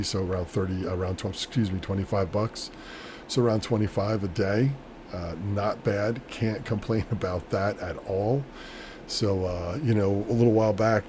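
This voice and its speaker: A man with a fairly low voice talks casually to his viewers as a solo vlogger. He rambles in a matter-of-fact, unscripted way. Clear background noise runs behind his voice. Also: warm tone. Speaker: vlogger, small-scale crypto miner. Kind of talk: casual off-the-cuff solo chat.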